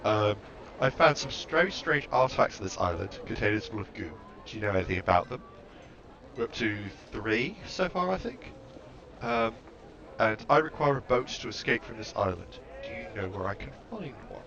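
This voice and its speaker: A man's voice: on the low side, expressive, moderate pace, a bit bright. A man casually commenting while playing a game and reading its text aloud, offhand and musing. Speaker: let's-play host. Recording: muffled lo-fi mic with background noise.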